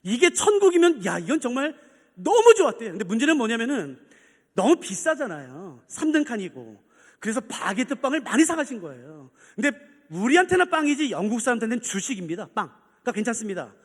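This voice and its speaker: A male pastor preaching a sermon in a large church, telling an anecdote and acting out its people with sudden shouts. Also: extremely high pitch, fairly quick. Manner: animated storytelling, acting out characters with shouts. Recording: long church reverb.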